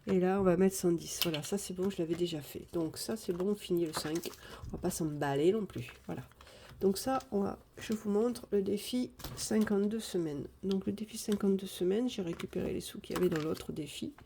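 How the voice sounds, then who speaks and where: A woman chatting casually live on a phone camera, thinking out loud as she sorts and counts cash. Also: medium pitch, fairly quick, slight background noise. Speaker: budgeting vlogger.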